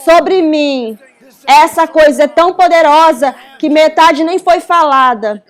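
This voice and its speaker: A woman interpreting a preacher's sermon, with fervent, repeated shouted exhortations. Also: high voice. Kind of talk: live interpretation of a fiery sermon.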